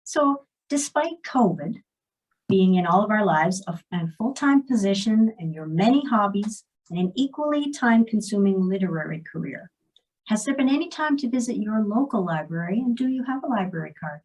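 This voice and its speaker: Woman library interviewer, mid-pitched, upbeat, reading prepared questions over a call. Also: expressive, moderate pace, darkish tone, rough recording. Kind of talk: friendly author interview. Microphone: video call.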